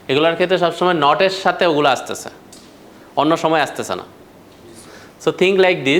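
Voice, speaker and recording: A man's voice: a little high, a bit bright, a little hiss or hum. A man teaching a grammar class, explaining step by step and asking the students questions. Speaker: English teacher.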